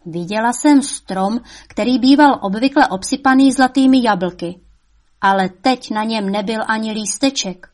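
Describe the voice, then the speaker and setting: A woman doing a shrill scolding old devil's mother. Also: lightly acted. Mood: coaxing.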